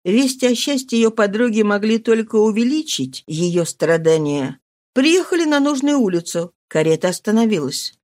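A woman reading a novel aloud as narrator, in an expressive, dramatic manner. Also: medium pitch, moderate pace. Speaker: audiobook reader. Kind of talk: scripted narration.

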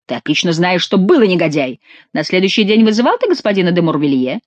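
A sly Gascon jester who mocks his king with cheeky familiarity, put on by a woman narrator. The voice leaps up and down with lively pitch. It sits close and dry, with no room around it. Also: quick pace, dry recording, muffled recording. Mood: mocking. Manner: teasing, mock-familiar.

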